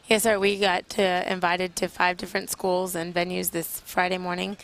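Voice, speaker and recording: A woman's voice: fairly low pitch, flat delivery, normal speed, a bit bright, poor audio. A woman from a military flight team giving live air show commentary as an interview guest, explaining things informally.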